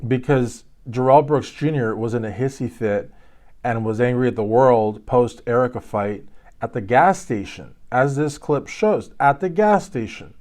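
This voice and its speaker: A man's voice: medium pitch, a little slow, a little mellow. A man from Kentucky hosting a YouTube channel, giving casual commentary with rambling, joking asides. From Louisville, Kentucky.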